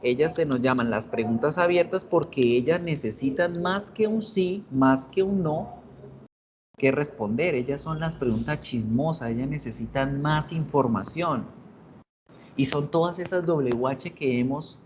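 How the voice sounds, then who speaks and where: A man's voice: on the high side, highs cut off, a little hiss or hum. A man teaching a basic English class online in Spanish, explaining patiently and mixing in English phrases. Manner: slow, explanatory, switches between Spanish and English.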